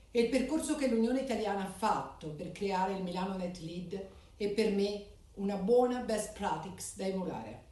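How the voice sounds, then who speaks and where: A woman reading a formal ceremonial speech in measured, declamatory phrases. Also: medium pitch, dark tone. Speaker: speaker at a club charter ceremony. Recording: echoey hall, voice from far off.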